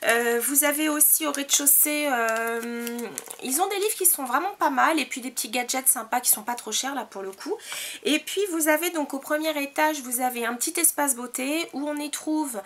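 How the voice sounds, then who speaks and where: A woman's voice: high-pitched, moderate pace, a bit bright, a little hiss or hum. A woman vlogger talking casually through a beauty haul, hesitating often with fillers and restarts. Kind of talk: casual product haul review.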